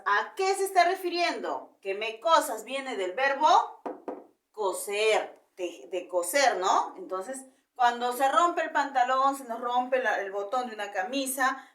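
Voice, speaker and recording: A woman's voice: sits high, fairly bright tone, reverberant, recorded from a distance. A woman teaching a primary school language lesson in Peruvian Spanish, explaining step by step and checking in with rhetorical questions.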